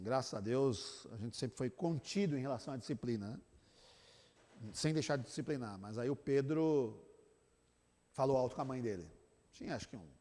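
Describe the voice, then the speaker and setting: A man with a Brazilian accent, a pastor giving a church talk to couples, telling animated family stories and tagging his sentences with a questioning aside. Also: medium pitch. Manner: animated storyteller, acts out family scenes; tags sentences with "né?". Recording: long reverb of a church hall.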